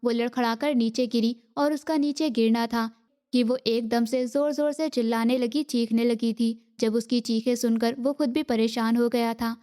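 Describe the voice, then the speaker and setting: A woman narrating a romance novel as an audiobook, in a steady, dramatic storytelling manner. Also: fairly high pitch.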